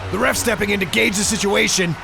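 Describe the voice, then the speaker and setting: High, fast-talking male boxing commentator. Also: vocal fry, noisy background. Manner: emphatic, analytical. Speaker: colour commentator, fight analyst. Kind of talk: sports commentary in the manner of a boxing broadcast. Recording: music behind the voice.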